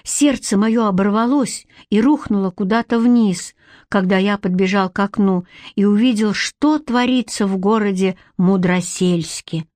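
A woman reading a story aloud as audiobook narration, at a slow, measured pace. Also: mid-range voice, darkish tone, no echo, studio quality. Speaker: audiobook reader.

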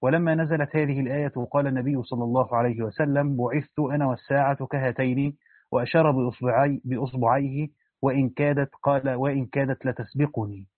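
A man's voice: medium pitch, fairly even intonation, fast talker, no room sound. A man gives a religious lesson, reading a Quran commentary aloud and adding plain spoken asides for his students. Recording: dry, thin phone-like line.

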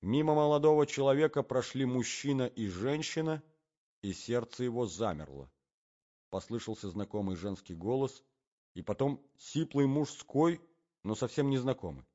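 A man narrating an audiobook in an animated, expressive storytelling manner, on a dull lo-fi recording. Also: mid-range voice, normal speed. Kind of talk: scripted narration.

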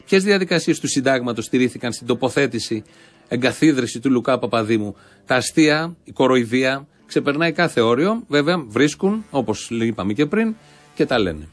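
A man's voice: medium pitch, expressive. A man hosting a satirical show, giving fiery, sarcastic political commentary and rallying his listeners.

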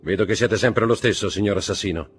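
A man's voice: on the low side, husky, soft background music. An Italian man reading an audiobook, voicing a stern nobleman disguised as a priest who questions and accuses with cold authority. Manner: commanding, accusing, measured.

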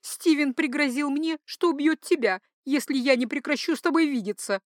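A woman voicing a passionate young duchess who pleads, weeps and schemes, in a high, breathless voice. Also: normal speed, no echo, studio quality, lightly acted. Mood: desperate pleading.

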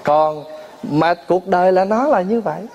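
A man's voice: sits high, unhurried, a little mellow, a little hiss or hum. A man giving a Buddhist sermon, telling everyday stories and acting out family arguments with frequent laughter. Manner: storytelling, acts out family quarrels, laughs often. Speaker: Buddhist monk giving a dharma talk.

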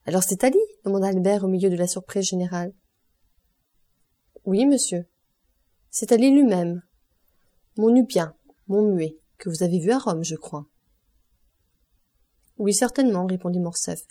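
A woman's voice: mid-range voice, normal speed, pauses often, mellow. A woman reading a classic novel aloud as an audiobook, voicing every character with light changes of tone. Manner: reads all characters in a lightly varied voice. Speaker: audiobook reader. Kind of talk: scripted narration of a classic novel.

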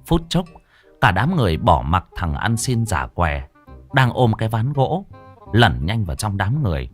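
A man's voice: fairly low pitch, big pitch swings, normal speed, faint music behind. A man narrating a story in a vivid, earthy way.

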